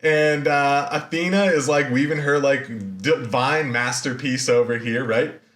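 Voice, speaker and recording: A man giving a recorded university lecture, retelling a myth in a slangy, animated way with lots of fillers. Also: medium pitch, unhurried, echoey room.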